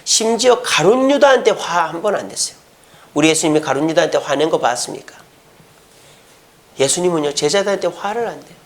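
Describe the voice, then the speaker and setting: A man's voice: on the high side, animated, brisk. A male pastor giving a conversational sermon at a Friday church service, full of rhetorical questions.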